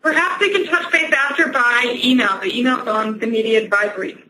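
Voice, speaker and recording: A woman's voice: on the high side, brisk, pushed and bright, roomy sound, recorded from a distance, low-quality recording. A woman moderating a teleconference briefing, polite and apologetic.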